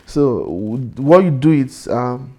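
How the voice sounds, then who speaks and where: Man, real estate agent, interview, step-by-step explanations, mellow dark tone. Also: medium pitch, expressive, slow pace. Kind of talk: interview answers.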